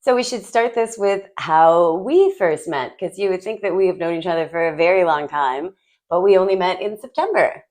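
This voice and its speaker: A woman's voice: on the low side, normal speed, darkish tone. A young adult woman co-hosting a podcast in casual chat, playful and joking, swearing casually. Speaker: podcast co-host.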